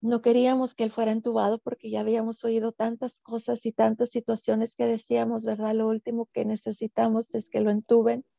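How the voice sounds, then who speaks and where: A woman tells her personal story of faith in a halting way, often repeating words and leaning on fillers. Her voice sits fairly high with a gravelly fry and a dark, mellow tone. The sound is dry and close. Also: monotone, no room sound, lo-fi sound. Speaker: guest giving a faith testimony. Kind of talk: emotional personal testimony.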